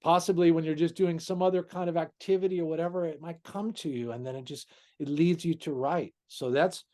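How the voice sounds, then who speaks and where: A man's voice: a little high, fairly even intonation, fairly quick, a little mellow. A male interview host who talks in an effusive way, praising his guest and calling him brother. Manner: effusive, calls guest "brother", many "you know"s. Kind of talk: casual interview.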